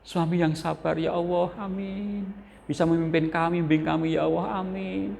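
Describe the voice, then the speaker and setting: A man voicing a devout pilgrim wife who prays softly and earnestly for her husband. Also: fairly low pitch, fairly even intonation, moderate pace, vocal fry, slight background noise. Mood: pleading. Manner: soft, earnest, pleading prayer. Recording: long reverb of a mosque hall.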